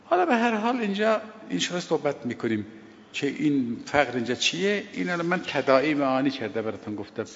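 An older man giving a sermon on a prayer, telling stories emphatically, repeating key phrases and swinging between loud and hushed delivery. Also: on the high side, sing-song, slight background noise. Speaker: religious teacher. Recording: dull lo-fi recording with long hall reverb.

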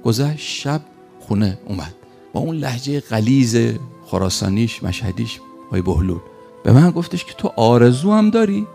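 A man telling a religious story as a preacher, animated and pausing for effect. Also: lowish voice, gravelly, faint music behind.

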